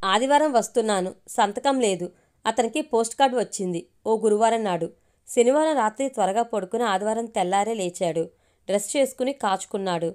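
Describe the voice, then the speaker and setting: Woman storyteller, fairly high voice, steady audio-story narration. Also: fairly quick.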